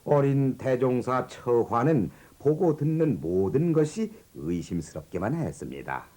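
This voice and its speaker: A man narrating a children's animated biography in a gentle, measured storytelling manner. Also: mid-range voice. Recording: narration over background music.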